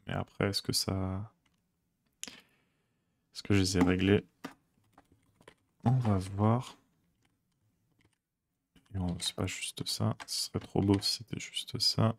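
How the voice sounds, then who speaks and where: A man chatting casually with his viewers while he codes on a live stream, rambling with many fillers and quick chuckles. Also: low voice, steady tone, gravelly, slight background noise.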